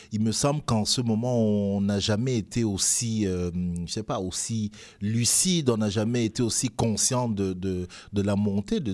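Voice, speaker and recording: A man's voice: fairly low pitch, darkish tone. A man from Cameroon hosting a radio discussion, speaking thoughtfully with frequent hesitations and restarts. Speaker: radio host.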